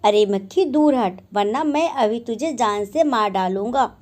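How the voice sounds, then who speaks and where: A woman voicing an irritable male lion, king of the jungle, in a storybook reading, gruff when threatening and tired when pleading. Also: on the high side, lively intonation, a little slow, a little mellow. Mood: angry.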